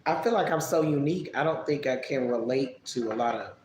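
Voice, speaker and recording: Chatty man in an echoey room. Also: medium pitch. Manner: relaxed, chatty, drawn-out musing answers. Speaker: vlogger answering viewer questions. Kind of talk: casual live-stream chat. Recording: echoey room with faint background noise.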